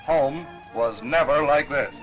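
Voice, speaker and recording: Man narrating an old newsreel. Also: a little high. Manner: brisk, emphatic announcer delivery. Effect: old 1940s newsreel sound. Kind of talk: scripted wartime newsreel narration. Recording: dull lo-fi 1940s newsreel soundtrack with music.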